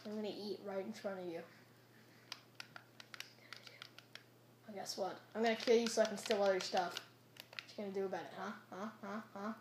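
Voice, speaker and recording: A young woman giving casual gameplay commentary, excitable and taunting, laughing and yelling often. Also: mid-range voice, fast talker. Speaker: gamer. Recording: echoey room with faint noise.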